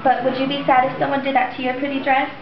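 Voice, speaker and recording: A woman playing a sweet young fairy-tale princess, telling a story to small children in a bright sing-song, coaxing them with questions. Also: high-pitched, little pitch movement, very fast, crowd noise. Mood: sweet, storytelling. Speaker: children's party princess entertainer. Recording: dull roomy camera audio, clear background noise. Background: small children at a party.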